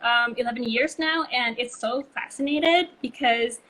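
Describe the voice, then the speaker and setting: Over a video call, a brand consultancy co-founder from Bali, Indonesia, tells chatty stories as an interview guest, filling them with "like" and "um." She sounds slightly high and fairly bright, with an unhurried pace. The audio is rough, and the conversation is casual.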